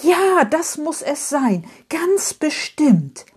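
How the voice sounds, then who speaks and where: A woman's voice: big pitch swings, measured pace, darkish tone, slightly rough, full character voice. A woman voicing an indignant but caring neighbor woman, exclaiming in a raised voice. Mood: musing. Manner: high, exclaiming, careful.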